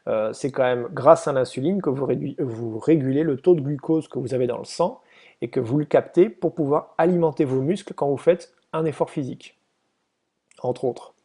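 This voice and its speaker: A man's voice: mid-range voice, moderate pace, mellow, breathy edge. A man giving a casual, explanatory slide presentation to volunteers, hesitant, with many fillers and restarts.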